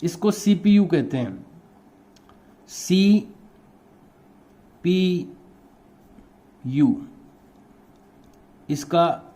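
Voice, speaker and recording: A man's voice: sits high, moderate pace, dark tone. A male teacher with a Rajasthani Hindi accent, giving a classroom lesson to young pupils, patiently explaining and spelling words out letter by letter. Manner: explains patiently and repeats terms.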